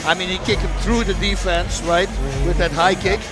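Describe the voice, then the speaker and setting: Emphatic high-voiced male fight analyst. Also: fairly even intonation, moderate pace. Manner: emphatic, repetitive exclamations. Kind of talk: live fight commentary. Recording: loud music and crowd noise.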